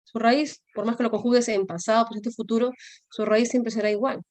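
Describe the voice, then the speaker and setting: A woman's voice: fairly high pitch, fairly even intonation, a little fast, darkish tone, dry recording. A woman teaching a grammar class, explaining patiently and checking often with her students. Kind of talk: online class lecture.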